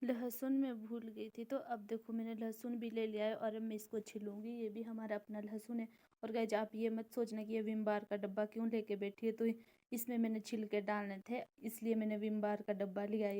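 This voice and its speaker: Young mom from the hills talking through her day, soft mellow voice, kinda flat and even. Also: medium pitch. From Indian hill region. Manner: easy, chatty, explains each step. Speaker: vlogger, mother of two daughters. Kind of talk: casual daily-routine vlog voice-over.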